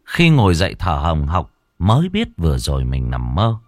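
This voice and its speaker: A man narrating a horror story in a slow, dramatic, ominous manner. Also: low-pitched, wildly swooping pitch, darkish tone, no echo, clean studio sound.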